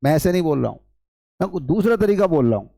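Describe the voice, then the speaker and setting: A man's voice: a little high, lively intonation, fast, gravelly, mellow, no echo. A man with a Hindi accent teaching an English grammar class, explaining step by step and asking the class questions. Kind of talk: classroom lecture.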